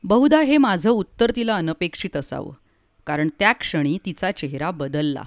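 A woman narrating a story in a measured, emotive reading. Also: low-pitched, lively intonation, no room sound.

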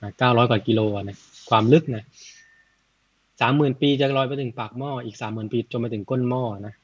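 Male Dharma storyteller, chatty and unhurried, husky tone, dry muffled recording. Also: medium pitch, no echo. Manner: chatty, frequent "na" tags, thinks aloud with math. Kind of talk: casual Buddhist storytelling.

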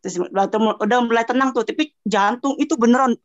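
A woman's voice: on the high side, quick pace. A woman guest telling her own story in casual chat, acting out what she cried and heard along the way. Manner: animated, acts out her own cries and sounds. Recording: dull lo-fi voice message.

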